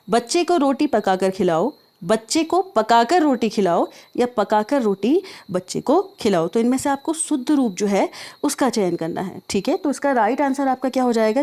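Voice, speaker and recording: A woman teacher walking through exam questions step by step, often pausing to check in with her students. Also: on the high side, dark tone. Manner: explains step by step, keeps checking in. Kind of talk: exam prep lesson.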